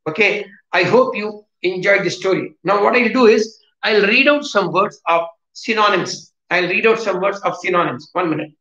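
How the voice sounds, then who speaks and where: A man, teaching vocabulary in a slow, repetitive way and switching into Hindi to explain. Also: sits high, bright, forceful tone. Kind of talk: classroom lesson on vocabulary. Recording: echoey room, dull lo-fi sound.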